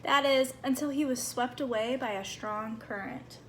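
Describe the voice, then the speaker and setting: Female storybook reader, high-pitched, expressive delivery for young children, faint background noise. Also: normal speed, poor audio. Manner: animated, acts out small moments. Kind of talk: expressive children's read-aloud.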